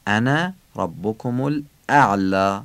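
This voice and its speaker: A man chanting Quran verses in a slow, melodic style, played from a tape. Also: lowish voice, gravelly, a bit bright, dry recording. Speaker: Quran reciter. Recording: played from a tape, heard from afar.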